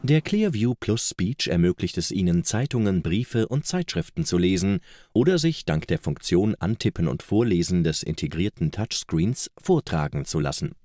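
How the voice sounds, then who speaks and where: A man's voice: low voice, very animated, moderate pace, dark tone, dry recording. A man reading scripted promotional narration as the narrator of a product video, recorded close in a studio. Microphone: close studio voice-over microphone.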